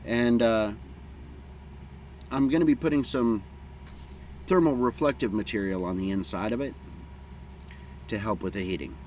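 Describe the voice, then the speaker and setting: With a pipe in his mouth between puffs, this middle-aged American man chats in a low-leaning, somewhat dark voice at normal speed, leaving long pauses. He's a vlogger rambling outdoors in an easygoing, folksy, plain-spoken manner. Background noise and an outdoor hum come through clearly.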